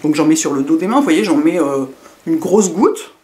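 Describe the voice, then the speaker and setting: A woman's voice: deep voice, animated, moderate pace, a little mellow, a little hiss or hum. A middle-aged woman with a lisp and slushy s sounds, chatting casually in a rambling, self-mocking way as a beauty vlogger.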